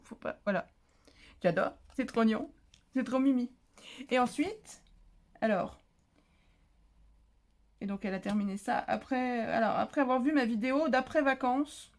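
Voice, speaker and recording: A woman's voice: fairly high pitch, a little mellow. A woman vlogging casually as she opens craft mail at home, chatty and easily moved, full of exclamations. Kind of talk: casual chat while opening mail.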